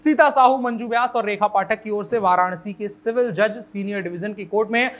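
A man's voice: high voice, a little fast, a bit bright. Young male news presenter, talks to camera, explains and restates, gesturing, lapel mic. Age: young adult. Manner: explains at length, restates points, some false starts; gestures with hands while talking. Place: in front of a green screen with news images.

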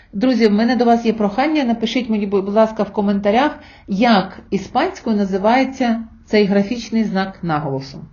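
A woman with a mellow, warm tone teaches a language lesson to her viewers. She goes patiently through sounds and example words. The sound is a little dull and lo-fi. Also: medium pitch. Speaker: Spanish teacher.

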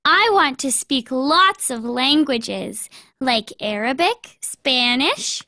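A woman voicing a cheerful young friend in a scripted textbook dialogue, bright and upbeat. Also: sits high, expressive, very slow, no room sound, studio quality, full character voice.

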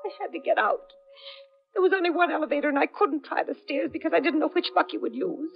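Through a muffled 1940s AM radio broadcast with faint music, an actress voices a hunted, desperate woman narrating her own story. Her high-pitched, expressive delivery is quick and tense, told in first person.

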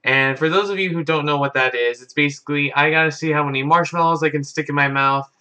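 Young guy vlogging casually in his bedroom, bright voice, a bit high. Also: fairly even intonation, fast. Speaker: YouTube vlogger. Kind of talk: casual chat to camera. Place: carpeted bedroom, indoors.

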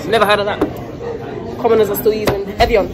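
A woman's voice: mid-range voice, little pitch movement, fast. A young woman vlogging in a casual, giggly, playful way from a busy lobby. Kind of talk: casual vlog chat. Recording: crowd chatter behind.

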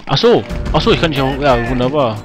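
A man's voice: medium pitch, lively intonation, fast. Casual male gamer narrating his playthrough, grumbles and swears, music underneath. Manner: chatty, swears and mutters at the game. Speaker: let's play gamer. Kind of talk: casual game commentary. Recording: game music behind. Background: game music.

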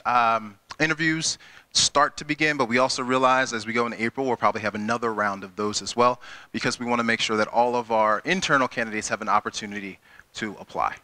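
A man in his thirties with a Midwestern American accent addresses a town hall crowd in a school auditorium through a handheld microphone. His voice is bright and forceful, and the sound is dry and close despite the large room. He talks loosely, with frequent fillers and restarts. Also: mid-range voice. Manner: conversational, many filler words and restarts. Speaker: school district chief executive. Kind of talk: presenting at a town hall meeting. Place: school auditorium with a seated audience.

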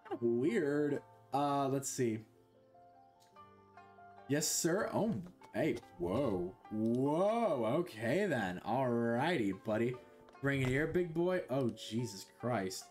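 A young adult man streams a game from his small bedroom on a headset, chatting loosely with viewers, joking, swearing a lot and talking to chat in a casual way. His mid-range voice has big pitch swings and he takes it slowly. Faint music plays behind him.

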